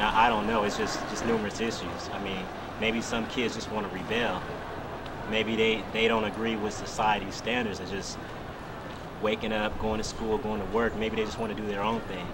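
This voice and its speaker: Gravelly low-voiced man from Southern California. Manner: uncertain, musing. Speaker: student interviewee. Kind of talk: street interview. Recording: loud street noise.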